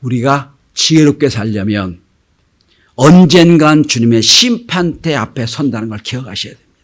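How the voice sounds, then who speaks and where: Animated Korean pastor preaching. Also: male voice, mid-range voice, moderate pace. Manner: animated storytelling, acting out quoted voices; drops to a whisper for emphasis. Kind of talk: sermon.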